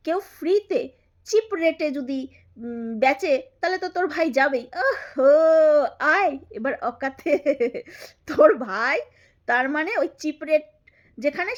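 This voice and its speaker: Woman, high-pitched, taunting, scolding, repetitive jabs. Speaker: YouTube creator. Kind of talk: angry callout monologue to camera.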